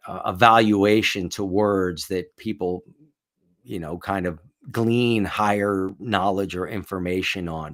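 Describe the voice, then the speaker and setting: A man hosting a reading stream, reading aloud and commenting in a rambling, hesitant way with many fillers. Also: sits low.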